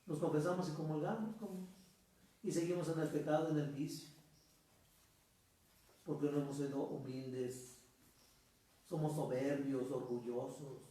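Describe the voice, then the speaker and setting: A man's voice: a little high, fairly even intonation, measured pace, long pauses, dark tone. A man preaching a sermon as a priest, telling a story and calling his listeners brothers. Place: church. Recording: echoey church from far off.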